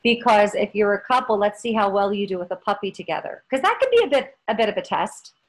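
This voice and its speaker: A woman's voice: mid-range voice, big pitch swings, quick pace, poor audio. A woman in her fifties co-hosting a casual chat, telling stories in a rambling way with many restarts. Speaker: podcast co-host.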